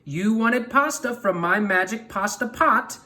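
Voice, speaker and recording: A woman's voice: medium pitch, lively intonation, measured pace, pushed and bright, voice pushed up. A woman voicing a firm old village witch in a storybook reading. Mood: stern.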